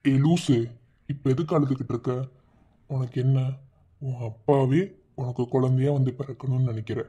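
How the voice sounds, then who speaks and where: A man playing a doting cartoon fiancé with a Madurai Tamil accent and a warm, mellow voice. He talks reassuringly and teases affectionately. The audio sounds muffled and lo-fi. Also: mid-range voice, steady tone, moderate pace, husky, lightly acted. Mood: comforting. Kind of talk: cartoon voice acting.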